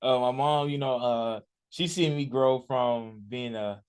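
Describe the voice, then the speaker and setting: Speaking smoothly and without hurry, a medium-pitched young man in his twenties chats with a radio interviewer. He's a college athlete from Richmond, Virginia, and his casual answers wander, with lots of fillers and false starts.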